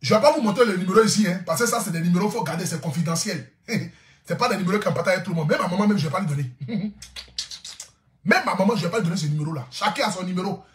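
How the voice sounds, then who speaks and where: A man's voice: sits high, very fast, roomy sound. A man telling a story to camera, laughing often and repeating lines for effect. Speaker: social media influencer.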